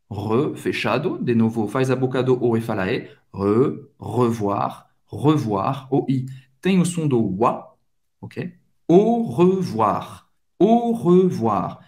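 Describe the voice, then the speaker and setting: A man's voice: fairly high pitch, darkish tone. A native French-speaking man with a French accent, hosting a language lesson and drawing out each word to demonstrate its pronunciation. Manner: slow, drawn-out pronunciation drills. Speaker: French teacher and channel host.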